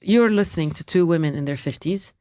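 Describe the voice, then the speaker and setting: A woman's voice: lowish voice, a little fast, mellow, no echo, clean studio sound. A woman, hosting a casual interview chat and asking probing questions. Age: 50s. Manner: probing, drops in colloquial Arabic fillers. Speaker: podcast host.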